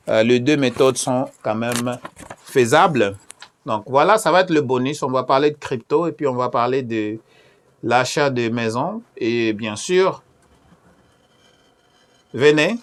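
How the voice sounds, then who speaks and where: A man from Congo gives a relaxed promotional talk for an upcoming business conference. He pauses often with fillers and repeats each question several times. His pitch sits in an ordinary middle range. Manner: many fillers and repeated phrases; hesitant, repeats key questions. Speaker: event promoter. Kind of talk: casual promotional talk with screen share.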